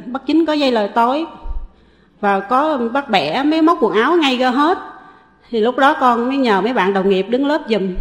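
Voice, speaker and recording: A middle-aged woman with a southern Vietnamese accent, earnestly confessing her past in a halting way with frequent pauses. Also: fairly high pitch, in a large hall. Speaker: testifying lay Buddhist. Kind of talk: personal confession.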